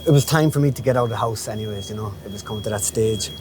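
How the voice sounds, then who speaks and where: A man's voice: fairly low pitch, rapid-fire. A man in his fifties with a Galway, west of Ireland accent, reminiscing casually and chattily in a colloquial way as an interviewee. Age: 50s. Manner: chatty, colloquial, often checking in with "you know". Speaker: interviewee, local window cleaner. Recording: noisy street ambience with traffic.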